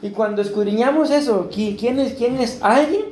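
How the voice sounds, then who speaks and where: A man's voice: extremely high pitch, moderate pace, darkish tone, faint music behind. A man preaching a sermon as pastor, talking in a conversational way and often checking in with his listeners. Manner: conversational preaching, keeps asking "¿verdad?". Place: church hall. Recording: echoey church room, faint background noise.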